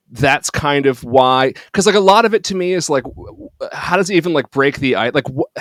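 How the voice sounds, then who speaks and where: A man co-hosting a podcast, chatting about a film with loose, filler-heavy enthusiasm. His voice sits at an ordinary middle pitch, and the recording is dry and close. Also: fairly bright tone, dry recording. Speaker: podcast co-host. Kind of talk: casual film chat.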